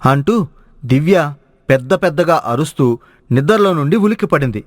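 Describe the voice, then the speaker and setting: Male cartoon narrator, fairly high voice, dry close sound. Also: moderate pace, no room sound. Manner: steady, storytelling. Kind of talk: scripted storybook narration.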